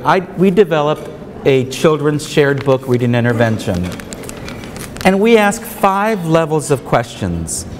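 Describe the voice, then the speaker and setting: Keynote speaker, middle-aged man, slightly higher voice, earnest and deliberate; podium mic, big echoing ballroom. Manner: earnest, emphatic, repeats key points. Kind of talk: conference keynote lecture. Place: large hotel ballroom with seated audience. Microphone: podium microphone. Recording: reverberant hall, faint room noise.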